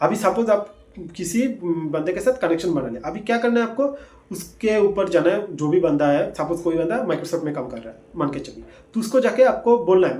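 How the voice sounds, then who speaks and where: A man's voice: sits high, darkish tone. A young man explaining job-hunting steps in a casual, chatty lesson, checking in with listeners as he goes. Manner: chatty, repeats points, frequent fillers and "theek hai" check-ins. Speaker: career advice presenter. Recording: echoey room.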